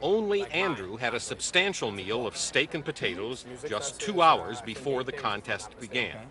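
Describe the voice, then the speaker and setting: A man narrating a news feature in a scripted style, with a wry, lively delivery. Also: medium pitch, normal speed, crowd noise.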